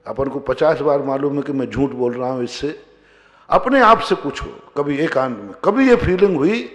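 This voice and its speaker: Preaching Jain monk in an echoing hall. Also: male voice. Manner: rhetorical questions to the audience, rising to emphatic outbursts then dropping low. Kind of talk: sermon. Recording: long hall reverb.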